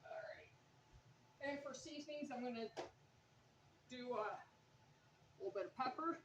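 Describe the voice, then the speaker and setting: A woman's voice: sits high, measured pace, noisy background. A woman chatting casually through a cooking vlog in her home kitchen, rambling and laughing often between remarks. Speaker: vlogger.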